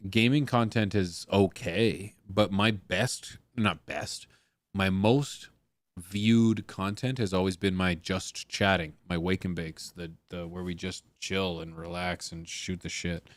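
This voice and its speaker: A low-pitched man rambles through a casual stream chat, swearing and restarting his sentences as he goes. The sound is close and dry, with little room echo. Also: steady tone, takes it slowly. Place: home streaming setup.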